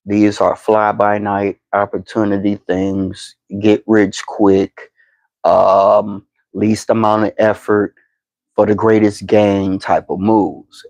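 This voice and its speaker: A man in his fifties with a low, gravelly voice, hosting a podcast. He lectures slowly and deliberately, stumbling on repeated words and fillers. His voice sits close and dry, with no room around it. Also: darkish tone, no echo, poor audio. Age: 50s. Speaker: podcast host. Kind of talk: motivational talk to camera.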